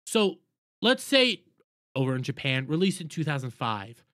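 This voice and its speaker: A man's voice: on the high side, sing-song, moderate pace, a bit bright, dry recording, studio quality. A man delivering an opinionated commentary rant, indignant and emphatic, repeating phrases for stress. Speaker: commentary video host.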